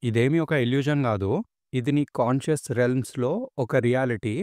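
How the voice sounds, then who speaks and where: A man's voice: mid-range voice, moderate pace, darkish tone, dry recording, studio quality, pitched below the performer's own voice, close to an everyday voice. A man voicing a goggled demon who explains things in a cold, matter-of-fact way.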